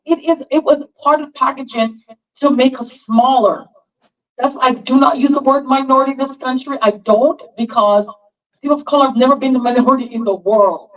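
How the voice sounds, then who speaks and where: A moderator at a community town hall speaking in a measured, earnest way. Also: high-pitched, steady tone, a bit bright. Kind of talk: reflective public speech. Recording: distant, dull lo-fi sound.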